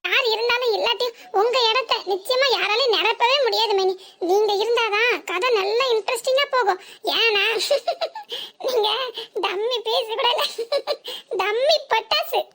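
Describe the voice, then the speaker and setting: A woman's voice: extremely high pitch, fairly bright tone. A woman voicing a playful, mocking young village woman in a cartoon comedy, with a southern Tamil Nadu accent. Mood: teasing. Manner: mocking, quick-witted, giggly.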